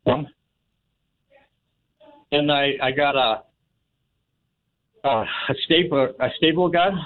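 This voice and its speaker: Man on a choppy phone line, cutting out. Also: on the high side. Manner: halting, repeats himself. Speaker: caller selling items. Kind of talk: casual call-in chat. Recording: tinny breaking-up phone line.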